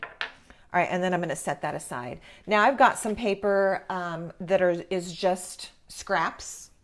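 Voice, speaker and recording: A woman's voice: fairly low pitch, a little slow. A woman hosting a live craft tutorial, talking informally and encouragingly as she explains each step. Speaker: craft class host.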